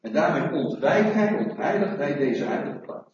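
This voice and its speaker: A middle-aged man preaching a sermon, lively and asking rhetorical questions of his congregation, recorded from afar in a church hall. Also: a little high, normal speed. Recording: echoey hall, mic far off, dull sound.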